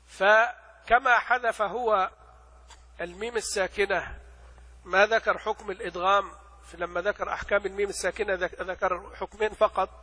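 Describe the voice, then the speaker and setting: A man teaching a lesson on a classical text, posing questions and answering them himself, and reciting examples slowly. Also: high voice, pushed and bright, in a large hall. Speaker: religious teacher. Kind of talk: lecture explaining a classical text.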